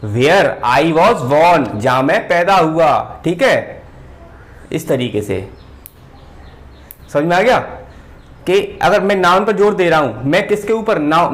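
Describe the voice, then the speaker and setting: Slow-paced man teaching at a board. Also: high voice. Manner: slow, repeats words while writing, often says "ठीक है". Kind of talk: whiteboard grammar lesson.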